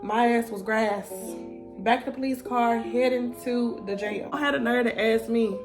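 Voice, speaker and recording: A young woman tells a story from her own life in a chatty, animated way, turning again and again to her viewers. Her voice sits fairly high. Music plays clearly underneath her. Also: moderate pace. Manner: animated, addresses viewers as y'all. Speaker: vlogger. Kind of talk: casual storytime.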